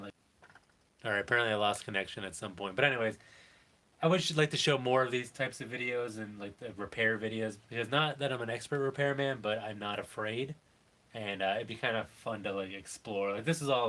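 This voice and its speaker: Nasal-voiced middle-aged guy, low-ish voice, rambly and self-deprecating, lots of ums and likes. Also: fairly bright tone. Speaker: toy collector and channel host. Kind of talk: casual live-stream chat.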